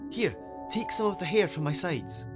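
A man voicing a gentle, hopeful young unicorn in a storybook, speaking high, excitable and earnest. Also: moderate pace, over music. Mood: eager.

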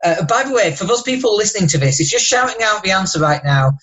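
A man with a Northern English accent and a slight lisp speaks as a podcast guest in a casual chat. His voice sits high and sounds animated and a little bright, and the recording is muffled. He talks emphatically and motivationally, throwing in rapid asides.

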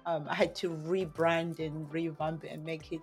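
A nutritionist appears as a podcast guest in a casual interview, her voice soft and low. She's animated, laughs easily, and often restarts her sentences, with soft music playing in the background.

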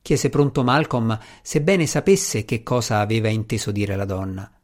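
A man narrating an audiobook chapter in a measured, even reading voice. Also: lowish voice. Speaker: audiobook reader.

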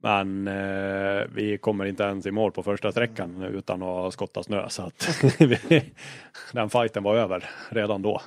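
A man's voice: on the low side, dry recording, studio quality. A man, a rally co-driver, telling stories casually in an interview, swearing freely and acting out old quarrels. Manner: lively storyteller, swears freely, acts out quarrels.

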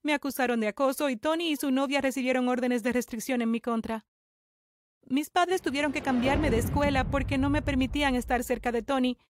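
A woman's voice: high voice, fairly quick. A woman narrating a first-person story in a scripted, dramatic, emotional way.

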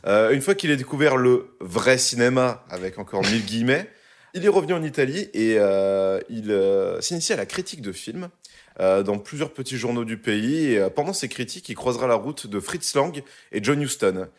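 A young man co-hosting a casual podcast presents a segment, telling a story in a loose, jokey way packed with fillers. His medium-pitched voice is expressive and moderately paced.

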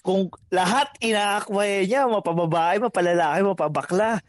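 A man's voice: high voice, normal speed, no echo. A man co-hosting a podcast, telling a story in a rambling, hesitant way and giggling. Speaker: podcast co-host. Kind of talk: casual storytelling.

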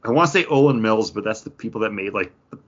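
Fast and expressive, this western New York co-host has a lowish, somewhat bright voice with a breathy edge. He rambles through anecdotes in relaxed conversation, repeating points for emphasis, and the recording is dull and lo-fi.

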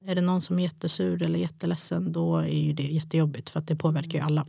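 Young woman, low voice, dry close mic; casual podcast co-host, animated storyteller. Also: gravelly, slightly rough, no room sound. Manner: chatty, animated retelling. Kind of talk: casual chat.

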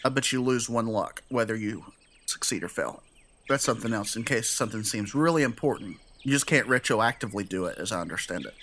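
A man's voice: fairly low pitch, lively intonation, a little fast, fairly bright tone, slight background noise. Man casually narrating as game master. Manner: explanatory, conversational.

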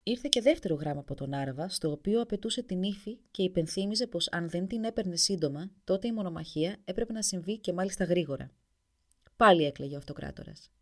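A woman narrating a folk tale in an expressive storybook reading. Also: fairly low pitch.

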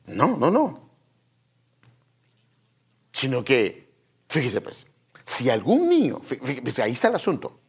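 A man preaching a sermon, talking straight to his congregation, with hushed asides that break into loud, emphatic bursts. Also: medium pitch, gravelly, breathy edge. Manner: addresses the congregation directly, repeating "fíjese" and "hermano". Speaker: pastor.

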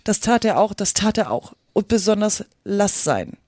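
A reader voicing a bossy, impatient griffin who talks loudly and bluntly in a storybook reading. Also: medium pitch, sing-song, moderate pace, dry recording, studio quality, natural voice. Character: gruff bossy griffin from a fairy tale. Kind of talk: reading a children's classic aloud.

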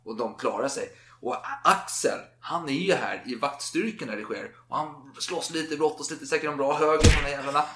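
A man's voice: medium pitch, few pauses, sharp tone. A man telling a history story in a loose, chatty way, with plenty of casual swearing. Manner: chatty, swears freely, acts out quotes. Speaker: podcast co-host. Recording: roomy echo.

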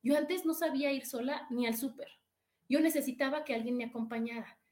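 A woman's voice: high-pitched, a little fast, a little mellow. A middle-aged woman with a Mexican accent, hosting a casual motivational live stream, chatting directly with her viewers and reading out their comments.

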